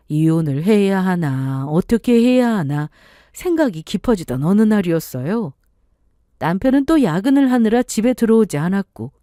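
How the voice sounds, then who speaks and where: A woman's voice: on the low side, dark tone, no echo, clean studio sound. A woman narrating a scripted first-person story in a confiding storytelling tone.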